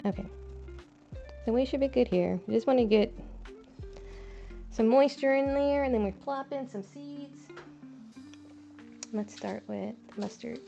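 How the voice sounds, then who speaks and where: A young woman talks her way through planting seeds on her balcony, rambling and poking fun at herself. Her voice is gravelly and mellow, and it comes through a dull, lo-fi mic with faint music behind her. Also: a little high, measured pace, long pauses. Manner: rambling, self-deprecating, chatty. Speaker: streamer gardening on her balcony. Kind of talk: casual chat. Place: home balcony. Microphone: desk mic, braids brushing it.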